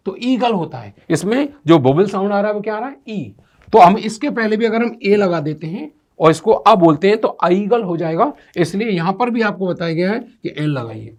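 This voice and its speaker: A man's voice: high voice, darkish tone. A man explaining English grammar step by step as a teacher, often asking rhetorical questions and reading out English sentences. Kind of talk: classroom-style grammar lesson.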